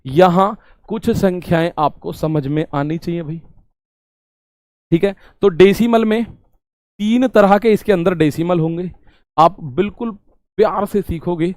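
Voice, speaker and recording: A man's voice: high voice, unhurried, long pauses, a little mellow, no room sound. A man teaching a math class to exam students, talking casually, repeating questions back to them and explaining with everyday examples. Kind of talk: online exam-prep class.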